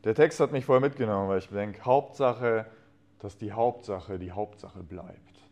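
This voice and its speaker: A man's voice: fairly low pitch, normal speed, muffled recording. Earnest man preaching a sermon. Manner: earnest, reads expressively, trails off softly at phrase ends. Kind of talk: sermon with a read-aloud story.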